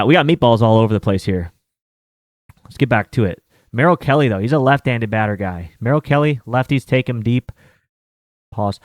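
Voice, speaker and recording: A man in his thirties hosts a sports betting show, chatting casually in a rambling way, full of fillers and some mild swearing. His voice is mid-range, and the studio sound is clean with no echo.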